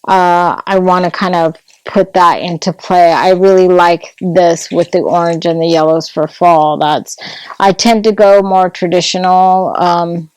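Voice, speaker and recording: A woman's voice: lowish voice, darkish tone, clear, resonant tone, dry recording, rough recording. A woman vlogging at home, chatting casually and gushing over a craft haul, sometimes dropping to a whisper.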